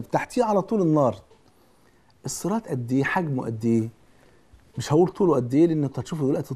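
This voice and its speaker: A man's voice: fairly high pitch, dark tone. A man with an Egyptian Arabic accent preaching a sermon, earnest and speaking straight to the listener with repeated pleas.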